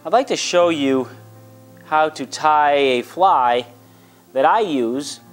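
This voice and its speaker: A middle-aged man with a folksy, encouraging barbecue-dad manner, explaining things casually as he hosts. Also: medium pitch. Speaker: dad hosting a hunting and fishing show. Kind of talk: casual explaining to family and camera.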